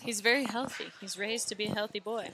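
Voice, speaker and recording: A woman's voice: medium pitch, steady tone, fast, a crowd in the background. A young woman co-hosting a live football watch party in a bar, joking and teasing in casual banter. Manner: playful, teasing. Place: in a bar or brewery.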